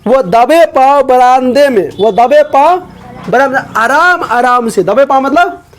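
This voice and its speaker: A man's voice: very high-pitched, animated, a little slow. A man explaining a textbook chapter to students. He repeats lines and keeps asking whether the class has understood. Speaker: teacher.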